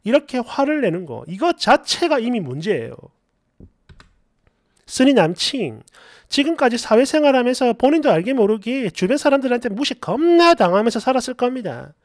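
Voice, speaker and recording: Animated woman storyteller, dry close voice. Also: on the high side, normal speed, no echo. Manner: animated storytelling, acting out quoted lines. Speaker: story channel narrator. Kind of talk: reading online posts aloud as a story.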